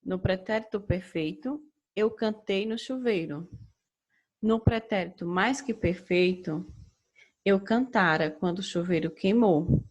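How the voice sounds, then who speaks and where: A young adult woman with a Brazilian Portuguese accent, a teacher giving a recorded grammar lesson in a measured, explaining way that keeps checking in with her students. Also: medium pitch.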